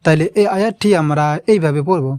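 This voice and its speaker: A man leads a patient pronunciation lesson and stretches out every word as he repeats it. His voice sits high and comes through smooth and clear. The recording is dry and close. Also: fast, a little mellow, no echo. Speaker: Quran recitation teacher.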